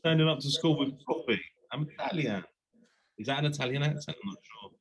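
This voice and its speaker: A man's voice: a little high, racing, crowd noise, poor audio. A man hosting a casual interview, chatty and teasing, with playful jokes. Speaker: podcast host.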